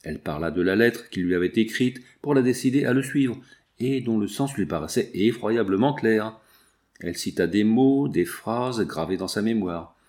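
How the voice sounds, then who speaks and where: A man narrating a classic novel in an expressive, steady reading voice. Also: fairly low pitch. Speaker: audiobook reader. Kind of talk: scripted narration.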